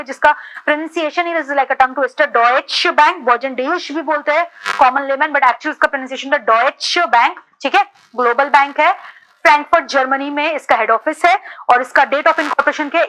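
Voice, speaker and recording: A woman teacher giving an exam-prep lecture, quizzing her students with quick questions and mixing Hindi with English. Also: high voice, sharp tone, poor audio. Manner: repeats "ठीक है" to check understanding.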